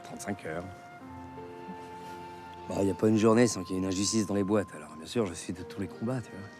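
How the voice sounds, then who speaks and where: An actor playing a mischievous middle-aged union delegate in a film comedy, rambling and grumbling with self-importance. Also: male voice, sits low, brisk, music in the background, lightly acted.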